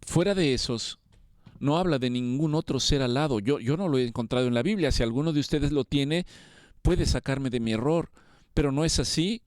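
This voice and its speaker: Earnest preacher with a clear voice. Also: male voice, medium pitch, normal speed, darkish tone, no room sound, studio quality. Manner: earnest, rising to emphatic appeals. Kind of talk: sermon.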